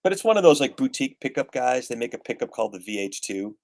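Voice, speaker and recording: A man's voice: mid-range voice, big pitch swings, fast, vocal fry, darkish tone. A man in his fifties chatting casually as a guest guitarist, rambling with gear-nerd enthusiasm. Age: 50s. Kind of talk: casual chat.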